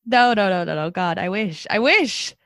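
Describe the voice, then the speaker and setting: Thirty-something woman, podcast host, candid and giggly, lively pitch, dry close sound. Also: moderate pace, no echo. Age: 30s. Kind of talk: casual chat.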